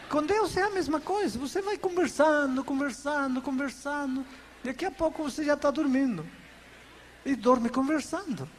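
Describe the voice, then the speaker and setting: High-voiced male pastor preaching in a hall. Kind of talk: sermon. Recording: long hall reverb, faint background noise.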